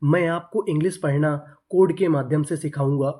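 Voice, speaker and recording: A male teacher works through English words one letter group at a time, sounding out each piece and then the whole word. He quizzes the listener and answers himself in an even, patient teaching voice. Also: on the high side, moderate pace. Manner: spells words letter by letter, asks and answers own questions. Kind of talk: spelling-out reading lesson.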